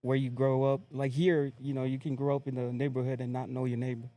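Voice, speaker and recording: Chill young guy from american samoa on a podcast, flat even voice, mellow tone. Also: mid-range voice, fast. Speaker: podcast guest. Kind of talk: casual chat.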